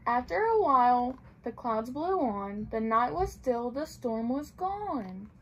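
High-pitched young woman reading to children. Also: very animated, slow, slight background noise, poor audio. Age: young adult. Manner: sing-song storytelling with simple questions and explanations for small children. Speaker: playschool teacher reading aloud. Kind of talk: children's picture-book read-aloud. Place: small tiled indoor room.

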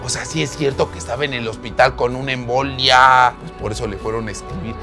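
A man's voice: mid-range voice, fairly even intonation, a little fast, bright, forceful tone, soft background music. A man with a Mexican accent hosts a comedy show, laughing and teasing as he reads chat messages aloud, with crude slang. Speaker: host.

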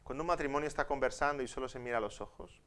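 Male pastor, mid-pitched, conversational conference teaching, soft asides and loud emphatic points, counts off numbered points. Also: very fast, smooth. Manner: conversational, with tag questions to the audience.

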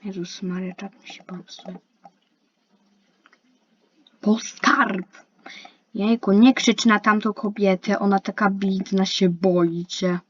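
A young woman, a gaming YouTuber, chats casually while playing an online game, complaining and talking to herself and the other players. Her mid-range voice stays steady, moving slowly with long pauses. The lo-fi mic sounds dull and carries a faint hiss.

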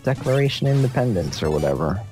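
A man's voice: mid-range voice, very animated, fast talker, music in the background. A man co-commentating on a let's play, joking and reacting casually to the game.

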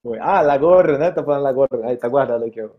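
Lively Brazilian man hosting a quiz. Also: medium pitch, fast talker, muffled recording. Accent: Brazilian Portuguese. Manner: lively, chatty, reads viewer comments aloud. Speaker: Portuguese teacher hosting a live quiz. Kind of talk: live-stream vocabulary lesson, casual.

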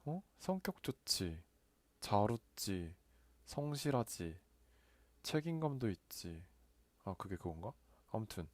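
A young man in a soft whispered role-play, playing a male friend who teases and comforts her on a late-night phone call. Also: medium pitch, dry recording. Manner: playful teasing banter, soft and close. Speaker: ASMR creator.

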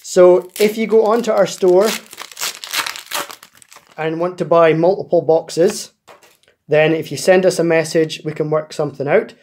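With a slightly high, steady voice, this British card-opening host speaks at a measured pace and pauses often as he opens packs and explains pre-orders. He is chatting casually at an indoor table, and there is noise in the background.

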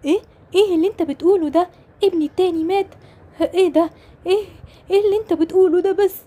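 A woman's voice: extremely high pitch, fairly even intonation, warm tone, pitched above the performer's own voice. A woman with an Egyptian accent voicing a young father who consoles his wife after losing a twin, in a toy-game role-play drama. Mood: shocked, consoling. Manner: earnest, comforting, fast and repetitive.

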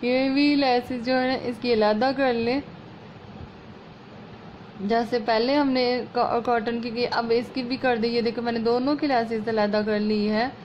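A sewing channel host with a sore, slightly hoarse throat chattily explains a home sewing repair step by step, homely and talking as she works. Her voice is on the high side with fairly even intonation and an unhurried pace. A phone camera over her hands at a work table at home yields muffled lo-fi audio and faint room noise.

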